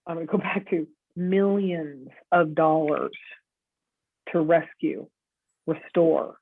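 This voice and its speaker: A woman's voice: sits low, slow pace, no echo. Woman talking over a tinny phone line. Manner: lively storyteller acting out quoted dialogue. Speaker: guest. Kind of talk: storytelling interview.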